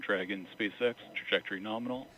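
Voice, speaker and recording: A man's voice: lowish voice, fast, no echo. A man giving a terse flight controller callout, heard as a distant space radio transmission. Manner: clipped, flat procedural delivery. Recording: distant radio feed with faint hiss.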